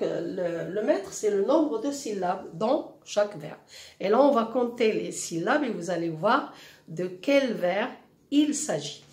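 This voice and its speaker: A woman teaching a French poetry lesson, patiently explaining and asking the class questions she then answers herself. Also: mid-range voice. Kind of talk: slow classroom explanation of a poem. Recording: roomy, echoey room.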